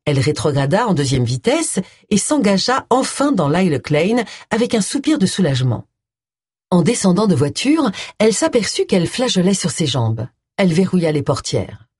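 Brief: audiobook narrator, animated intonation, husky tone, dry close mic. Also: mid-range voice, dry recording. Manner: expressive storytelling. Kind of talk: scripted narration.

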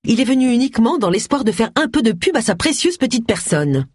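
A reader voicing Agatha, a sharp-tongued, complaining middle-aged woman. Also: medium pitch, lively intonation, a little fast, slightly rough, no echo, clean studio sound. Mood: tart. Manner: tart and complaining.

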